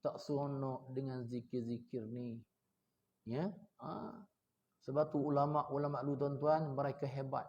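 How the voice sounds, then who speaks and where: A man preaching a mosque sermon to a congregation. He keeps asking his listeners questions and breaks into sudden loud, high outbursts. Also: fairly even intonation, unhurried, creaky, lo-fi sound, a little hiss or hum.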